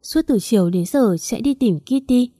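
Woman storyteller, mellow dry voice, even read-aloud narration. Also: a little high, normal speed, no echo. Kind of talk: scripted narration of a romance story.

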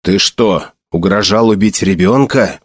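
A man's voice: low voice, a little slow, breathy edge, no room sound. Man reading an indignant young officer, dry close voice, reproachful. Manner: outraged, reproachful.

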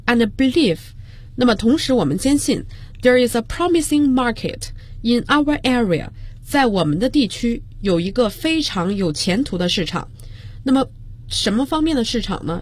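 Husky-voiced woman teaching English on radio. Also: medium pitch, darkish tone. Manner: explains slowly, spells words letter by letter. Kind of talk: radio language lesson. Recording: broadcast studio.

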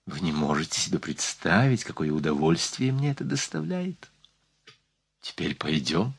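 A gracious, worldly sultana, read by a man in a low voice, speaking in a soft, slightly lisping whisper. She is confiding and decisive, with a light teasing edge. The recording is close and dry. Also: big pitch swings, moderate pace, gravelly, breathy edge, no room sound, full character voice. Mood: reassuring.

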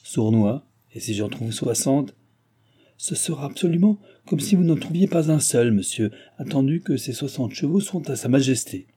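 A man's voice: mid-range voice, lively intonation, moderate pace, dark tone, husky, voice pushed up. A man voicing an arrogant, impatient young nobleman who bullies a postmaster. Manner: arrogant, imperious, raised voice. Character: haughty impatient young nobleman, quick-tempered.

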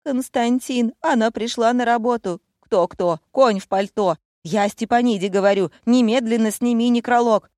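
A woman reader voicing a bossy middle-aged female director who gives orders loudly. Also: medium pitch, animated, moderate pace, few pauses, no room sound, studio quality, natural voice. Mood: brusque. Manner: loud, commanding.

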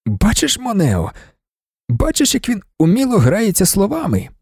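A man reading an audiobook, voicing a crippled old man who mocks in a high, hoarse voice. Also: huge pitch swings, moderate pace, darkish tone, dry recording, clean studio sound, full character voice. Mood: mocking. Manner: mocking, hoarse.

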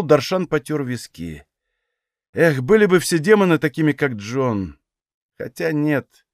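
A man reads a fantasy audiobook in a steady storytelling voice that sits a little high. The recording is dry and close, with no room sound. He keeps a measured reading pace. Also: no room sound. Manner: even storytelling, acts out dialogue. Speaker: audiobook narrator.

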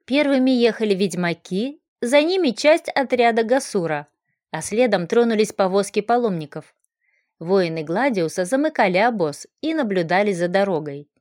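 A woman narrating a fantasy audiobook in an even, expressive reading. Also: medium pitch, moderate pace, no room sound, clean studio sound.

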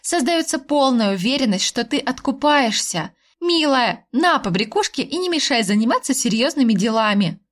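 A woman's voice: sits high, lively intonation, moderate pace, a bit bright, pitched above the performer's own voice. A woman playing an indignant young wife who talks back to her husband sharply and sarcastically. The voice sits well above the narrator's, raised and tense, and at times it slides into pleading.

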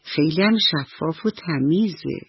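A woman's voice: deep voice, expressive, husky, no room sound, muffled recording, heavily acted. A woman voicing Fereshteh, a polite and eager new girl fish in class. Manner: polite, enthusiastic.

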